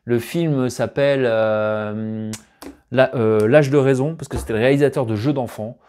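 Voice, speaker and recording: A man's voice: mid-range voice, steady tone, normal speed, a little mellow. A man chatting casually and rambling about his latest film finds, full of fillers and asides. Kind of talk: casual chat unboxing.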